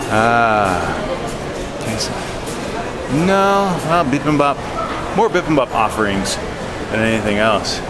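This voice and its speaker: Loud urban and station noise surrounds a man with a mid-pitched voice. He narrates a walking tour casually as a travel vlogger, chatting along and pointing things out into a handheld action camera. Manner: chatty running commentary, pointing things out as he walks. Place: walking through a busy train station and its surroundings. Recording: clear outdoor station and street noise.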